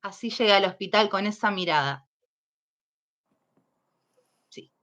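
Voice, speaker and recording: A woman with an Argentine accent, giving personal testimony as an interview guest, speaking slowly and hesitantly as she recalls painful events. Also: medium pitch, a bit bright. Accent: Argentine Spanish. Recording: dull lo-fi sound.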